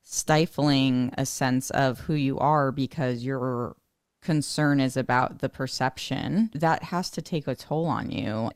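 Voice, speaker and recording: Interview host, mid-pitched, measured and articulate, dry close sound. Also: no room sound. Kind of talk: reflective interview conversation.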